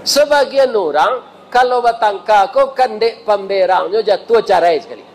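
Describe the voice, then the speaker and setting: A man with a Minangkabau accent preaching a sermon in a mosque, telling lively stories and often asking rhetorical questions. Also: high voice, measured pace.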